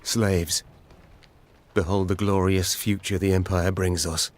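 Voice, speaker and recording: A man's voice: sits low, little pitch movement, slow pace. A male narrator voicing a bitter soldier who mutters with scorn in a game storybook.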